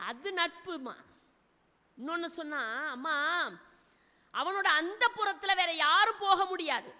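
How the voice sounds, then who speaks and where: A woman devotional speaker with a very high, bright voice retells a sacred epic with dramatic flair. She often slips into the hero's first-person voice and keeps asking her listeners rhetorical questions. Her voice rings through a hall with a long reverb. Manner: poses rhetorical questions to the audience. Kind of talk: devotional storytelling talk.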